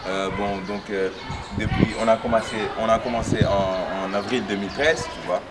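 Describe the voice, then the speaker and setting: Give me a low-voiced man answering casually, heard from afar amid noise. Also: normal speed. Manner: relaxed, many fillers like "tu vois". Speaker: rapper guest. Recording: distant mic with noisy ambience.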